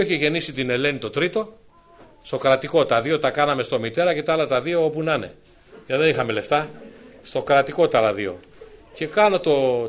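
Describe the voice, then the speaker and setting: A middle-aged man preaching his personal testimony, moving from soft asides to loud, excited exclamations. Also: medium pitch. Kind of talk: sermon testimony storytelling.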